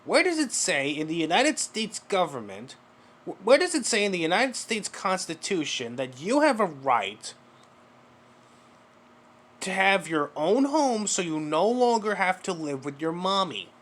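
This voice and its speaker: A man commenting over a clip, lecturing and mocking with blunt profanity. His voice sits a little high and swings widely in pitch. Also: sing-song, measured pace, a bit bright.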